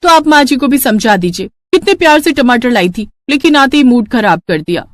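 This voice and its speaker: एक महिला, कार्टून कहानी में पलटकर जवाब देने वाली जवान बहू की आवाज़ करती हुई।. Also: female voice, high-pitched, lively intonation, normal speed, no echo, pitched above the performer's own voice. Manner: cheeky, talks back. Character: sharp-tongued young daughter-in-law.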